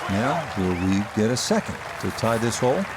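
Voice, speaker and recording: A man's voice: medium pitch, big pitch swings, moderate pace, lightly acted. A man playing a lead golf commentator in a video game, giving television-style commentary on play. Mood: measured. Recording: music and crowd noise behind. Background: loud music, outdoor golf crowd.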